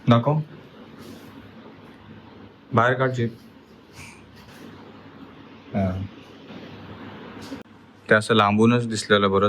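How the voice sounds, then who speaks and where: A man speaking in a casual home vlog, a father gently coaxing and soothing his young daughter indoors. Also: on the low side, a little hiss or hum, poor audio. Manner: coaxing and soothing toward a child. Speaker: father and family vlogger.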